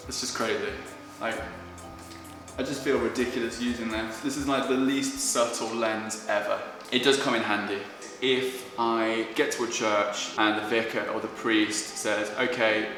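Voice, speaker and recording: A man's voice: on the low side, little pitch movement, moderate pace. Very echoey man, chatty vlogger. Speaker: wedding photographer presenting his gear. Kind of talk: casual vlog gear talk. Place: hard-walled echoey indoor space. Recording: very echoey, reverberant room, faint music.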